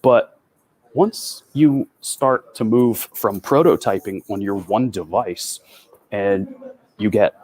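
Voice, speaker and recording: A man with a fairly low voice gives a quick, upbeat tech presentation as a developer advocate. He talks in a chatty, conversational way. The sound comes through a video call microphone. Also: darkish tone, no room sound.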